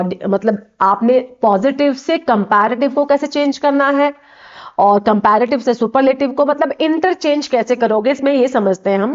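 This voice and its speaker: A woman with a fairly high voice teaches a grammar lesson, walking through each slide step by step. She keeps checking in with her listeners as she goes. The sound is dull and somewhat lo-fi. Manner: explains step by step, checks in with frequent 'okay'.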